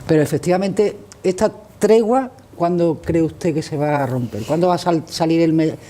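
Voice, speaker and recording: A man's voice: a little high, normal speed, warm tone. A man asking questions conversationally as an interviewer in a political discussion.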